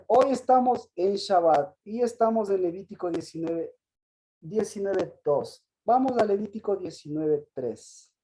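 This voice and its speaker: A woman giving a Sabbath Bible teaching, often asking her listeners questions, restarting phrases and clearing her throat. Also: mid-range voice, expressive, unhurried, warm tone.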